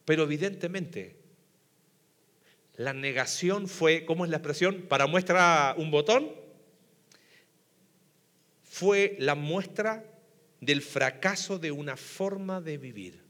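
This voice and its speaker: A man's voice: a little high, slow pace, long pauses, a bit bright. A man preaching a sermon to a congregation, talking conversationally and putting questions to the audience. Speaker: pastor. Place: church hall before a congregation. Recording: long hall reverb.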